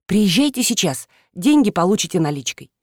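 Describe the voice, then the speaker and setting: A woman's voice: mid-range voice, very animated, fairly quick, darkish tone, no echo, studio quality. A woman reading an audiobook, voicing a pushy man who talks casually and insistently. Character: pushy man, fast-talking producer.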